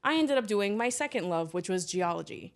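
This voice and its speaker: A woman's voice: medium pitch, brisk. A young woman from Trinidad talks through her career as a guest on a podcast. She tells her story in a loose, chatty way, full of "like" and "you know", with a mid-range voice. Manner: chatty, animated storyteller with many fillers. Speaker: guest, geologist. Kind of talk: casual interview chat.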